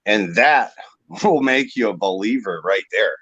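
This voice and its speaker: A laid-back man from Ohio talks in a low voice, swearing easily and drifting into little sermons about belief. His audio sounds dry and somewhat muffled, like a lo-fi stream. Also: expressive, a little slow, a bit bright, slightly rough, no room sound. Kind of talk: casual chat.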